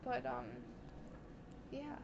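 A young woman vlogging in casual, rambling chat, gushing and excitable, often apologizing for getting carried away. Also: very slow. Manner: excitable, gushing, heavy on "like" and "oh my god"; self-conscious, apologetic asides. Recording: dull lo-fi audio with faint hiss.

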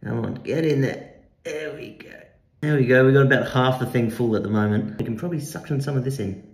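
A man's voice: mid-range voice, fairly quick, darkish tone. A young man, hosting a prank video, narrating and teasing with frequent laughter. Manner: teasing, laughs often, mocking. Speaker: prank channel host. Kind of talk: playful narration and banter. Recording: echoey room.

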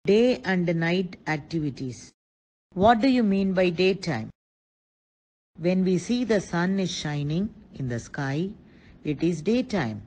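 Slow-speaking woman teaching young children. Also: fairly low pitch, darkish tone, rough recording. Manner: slow, simple, deliberate explaining with questions to children. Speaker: kindergarten teacher. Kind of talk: scripted lesson narration for young children.

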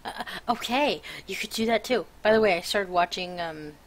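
A woman's voice: medium pitch, normal speed. Tired young woman streamer, rambling. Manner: rambling, teasing, self-interrupting. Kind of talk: casual live-stream chat.

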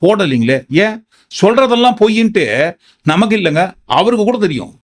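A man's voice: high-pitched, sing-song, brisk. A man giving political commentary, sarcastic and firing off rhetorical questions.

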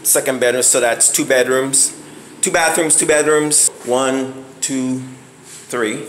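A man's voice: medium pitch, fairly even intonation, takes it slowly, a bit bright, a little hiss or hum, low-quality recording. A man giving a casual walking house tour on a handheld phone camera, rambling and searching for words with many fillers. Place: empty house, indoors and on balconies.

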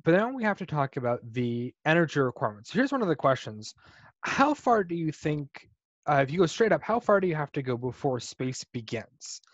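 A man's voice: on the high side, brisk, no room sound. Man lecturing over a dull video call. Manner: relaxed and explanatory, with frequent ums and restarts. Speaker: guest speaker presenting on spacecraft engineering.

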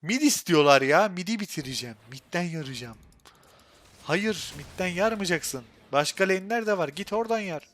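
A young man with a Turkish accent commentating his own gameplay on a live stream, excitable and quick to go from muttering to frustrated outbursts. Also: high-pitched, a little hiss or hum.

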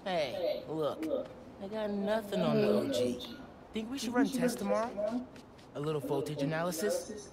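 An earnest young superhero. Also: male voice, high voice, expressive, a little slow. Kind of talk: video game cutscene dialogue. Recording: roomy game audio, loud crowd.

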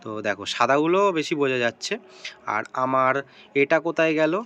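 A young man chatting excitedly to viewers in a casual daily vlog. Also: mid-range voice, brisk, clean tone, muffled recording. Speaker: vlogger. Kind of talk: casual vlog chat to camera.

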